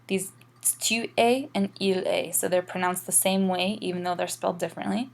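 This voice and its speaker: A woman teaching French grammar in a recorded lesson, explaining patiently and slowing down for examples. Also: fairly low pitch, fairly even intonation, gravelly.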